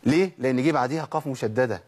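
Fast-talking Egyptian Quran teacher. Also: male voice, mid-range voice, a little mellow, husky. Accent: Egyptian Arabic. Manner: demonstrates sounds, asks and answers his own questions. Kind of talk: tajweed lesson.

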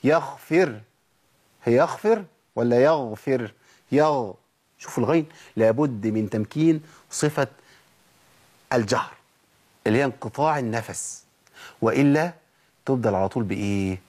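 A man with an Egyptian accent teaching Quran recitation, slowly repeating letter sounds to model correct and wrong pronunciation. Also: medium pitch, a little mellow, breathy edge. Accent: Egyptian Arabic. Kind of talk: tajweed lesson, demonstrating letter sounds.

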